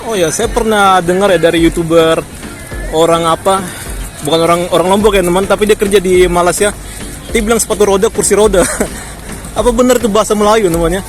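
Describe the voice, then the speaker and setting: This Batak-accented man from Jakarta vlogs while walking a busy city street, his high voice steady in tone and brisk. Chatty throughout, he keeps speaking to viewers as friends, over a backdrop of crowd and music.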